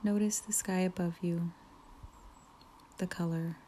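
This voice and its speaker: A woman leading a guided relaxation meditation, speaking softly with frequent whispered phrases and long pauses. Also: on the low side, steady tone, a little hiss or hum. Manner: slow, soft, partly whispered, soothing pauses.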